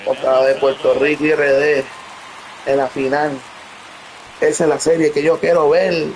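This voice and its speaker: A man giving excited live commentary as he streams a baseball video game, bursting into shouts and talking to his viewers. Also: a little high, a little slow, poor audio. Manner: talks to his audience. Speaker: gaming streamer. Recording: loud stadium crowd noise from the game. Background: video game crowd sound.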